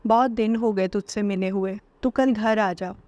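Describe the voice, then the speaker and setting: Woman doing a stubborn young wife in a story, mid pitch, dry recording. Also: steady tone, measured pace, darkish tone, no echo, highs cut off, natural voice. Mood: cheerful.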